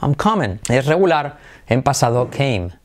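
A man teaching English to Spanish speakers, switching between both languages and repeating example phrases, checking in with quick questions. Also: mid-range voice. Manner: lively, drills phrases by repeating them, checks in with "¿sí?" and "all right". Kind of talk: bilingual language lesson.

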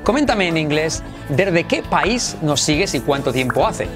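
A man with a Spain Spanish accent teaching English in an online lesson, enthusiastic and self-described as exaggerated, drilling words slowly for the listener to repeat. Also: fairly high pitch, very animated, over music.

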